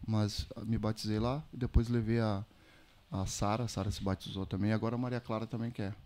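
Animated man telling a story. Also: on the low side, a little fast. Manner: animated storyteller, slangy, calls listeners "mano". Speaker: podcast guest, entrepreneur. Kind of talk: casual podcast storytelling. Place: podcast studio.

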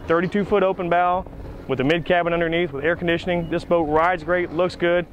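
A man's voice: high-pitched, fairly quick, muffled recording, a little hiss or hum. Upbeat man touring a boat. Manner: upbeat salesy and excited. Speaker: boat dealer host. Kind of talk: enthusiastic boat walkthrough. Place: outdoors at a marina on a boat.

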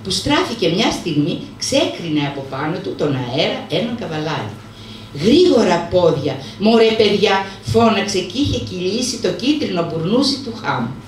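Woman reading a novel aloud, lively. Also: on the low side. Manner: lively expressive reading, slowing on hard words. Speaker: reader at a book club. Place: room at a hybrid reading-club meeting. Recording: roomy sound from far off with faint noise.

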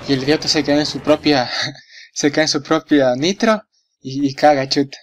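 Young guy yelling and cursing through a racing game let's play, kinda high voice, game music loud behind. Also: moderate pace. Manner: excitable, swears a lot, reacts loudly to the race. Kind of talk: live gameplay commentary. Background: racing game music and sound effects.

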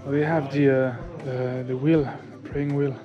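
A man's voice: medium pitch, flat delivery, measured pace, dull audio, music in the background. A man in his thirties with a French accent, chatting enthusiastically as a travel vlogger while filming himself outdoors on an action camera. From France. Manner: enthusiastic, chatty, laughs often. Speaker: vlogger host. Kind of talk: casual travel vlog chat. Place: outdoor temple courtyard and streets. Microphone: action camera at arm's length.

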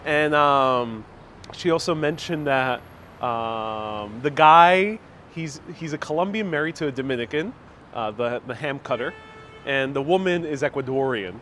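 A man's voice: medium pitch, expressive, takes it slowly, fairly bright tone, slight background noise. Male travel vlogger, 30s, from Puerto Rico, casual walking commentary into a handheld phone outdoors. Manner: chatty, explains and translates as he walks. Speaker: travel vlogger live-streaming. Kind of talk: casual live-stream narration. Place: outdoors on a city street beside a market. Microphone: phone held at arm's length.

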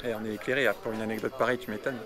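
A man's voice: lowish voice, level tone, racing, over music. A man from France chatting in a casual travel vlog, joking and telling an anecdote with mock formality. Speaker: travel companion.

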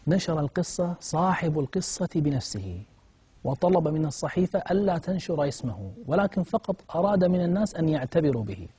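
A man's voice: a little high, sing-song, brisk, dark tone, slightly rough, no echo. A man preaching a moral sermon, telling a story in a dramatic, impassioned way that swells at emotional moments.

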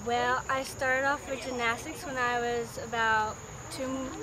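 Young woman, high voice, cheerful, outdoor bustle behind. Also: fairly even intonation, a little slow, crowd noise. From North Carolina. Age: young adult. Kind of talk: casual interview. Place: outdoors by railroad tracks. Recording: outdoor background noise.

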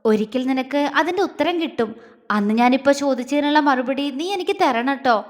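A woman's voice: sits high, lively intonation, normal speed. A woman voicing a young husband who teases playfully and grows stern when angry, heard in a reverberant room. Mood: tender teasing. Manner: playful coaxing, turning stern at times. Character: young husband, teasing, tender, quick-tempered.

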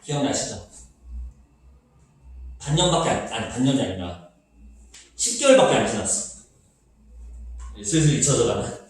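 A man's voice: mid-range voice, normal speed, long pauses, a little hiss or hum. A male Korean literature teacher giving a chatty lecture, asking questions and answering them himself. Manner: animated, chatty, asks and answers his own questions. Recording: echoey room, mic far off.

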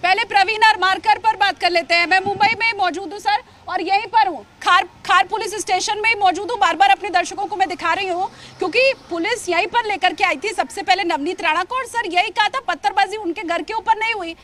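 A woman's voice: extremely high pitch, brisk, hardly any pauses, a bit bright, slight background noise. A woman news anchor hosting a heated TV debate on location, interrupting and pressing her guest insistently. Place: on location at a police station.

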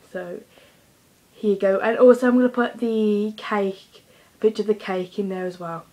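A woman's voice: mid-range voice, poor audio. A teenage girl talking casually to her own camera in a chatty, rambling vlog with lots of fillers. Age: teens. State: slightly out of breath. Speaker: vlogger. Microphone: handheld device camera.

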